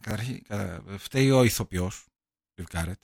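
A man's voice: on the low side, vocal fry, darkish tone. A man co-hosting a casual film podcast, dropping dry sarcastic remarks. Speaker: podcast co-host.

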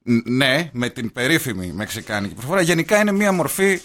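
A man's voice: medium pitch, very animated, noisy background. A man co-hosting a casual film podcast, easygoing and chiming in with short remarks. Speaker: podcast co-host.

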